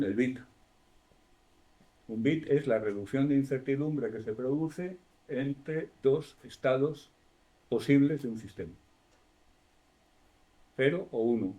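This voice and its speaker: A male university lecturer with a Spanish accent talks through a classroom lesson. His voice is mellow and dark, at an ordinary middle pitch. He explains patiently, keeps checking in with the class, and rephrases himself mid-sentence. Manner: explanatory, asks the class questions, self-correcting.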